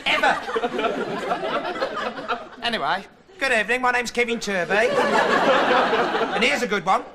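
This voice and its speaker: A bumbling would-be TV reporter. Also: male voice, very high-pitched, expressive, measured pace, a loud crowd. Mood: rambling. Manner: meandering, hesitant, full of ums and rights. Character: dim, rambling young male self-styled investigative reporter. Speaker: comic TV character monologue. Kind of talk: deadpan rambling comic monologue. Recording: loud studio audience laughter, noisy old TV tape. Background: audience laughing.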